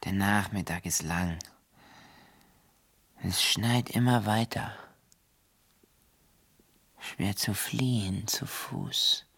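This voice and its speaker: Creepy taunting stalker in a radio play, gravelly, drags the words out slow. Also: low voice, fairly bright tone, no room sound, exaggerated voice. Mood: brooding. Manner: taunting, sinister, drawn-out whispers. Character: menacing unseen male tormentor, taunting and cold.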